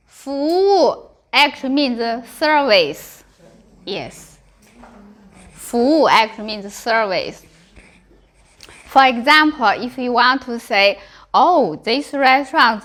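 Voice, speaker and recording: Female language teacher, Chinese accent, high-pitched and unhurried, short simple phrases, classroom delivery. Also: a bit bright. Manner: simple choppy English with frequent check-ins like "okay" and "yeah". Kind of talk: classroom Chinese lesson with repeated example words.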